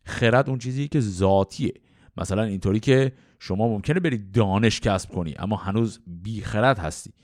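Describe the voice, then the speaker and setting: Man, podcast teacher, expressive rising and falling voice, dry close mic. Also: medium pitch, no room sound. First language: Persian. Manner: clear, teacherly explaining, slow measured verse recitation. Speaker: podcast host teaching classical poetry. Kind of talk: explanatory podcast lecture with recited verse.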